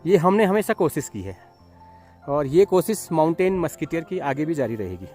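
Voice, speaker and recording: Outdoor trek vlogger, young man, high voice, guiding tone, filmed on a handheld camera. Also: big pitch swings, normal speed, a little mellow, soft background music. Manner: guiding, pointing things out to viewers. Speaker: trekking vlogger. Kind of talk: outdoor trek vlog narration. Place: outdoors on a high mountain ridge.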